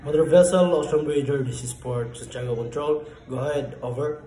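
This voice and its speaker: A man's voice: on the high side, fairly quick, mellow. A man playing a port control operator answering on marine radio, formal and clipped as he gives instructions. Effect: marine radio call. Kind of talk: scripted marine radio procedure. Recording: echoey room with faint background hum.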